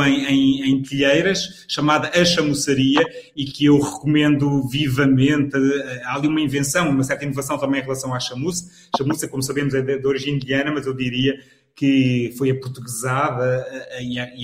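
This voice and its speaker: Host: European Portuguese man, mid-pitched, roomy sound, rambling live chat. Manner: rambling, with many restarts.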